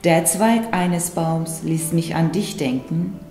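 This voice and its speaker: A woman poet reading a poem aloud in a slow, measured recitation. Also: lowish voice. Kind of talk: poetry reading. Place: room with wooden screen. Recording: roomy room with soft music behind.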